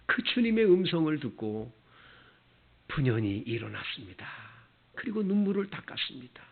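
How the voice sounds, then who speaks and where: Fervent gravelly male pastor preaching. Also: sing-song, normal speed. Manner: emotional, swinging from soft murmurs to fervent high cries. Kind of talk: sermon. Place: church sanctuary. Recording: tinny phone-like church recording.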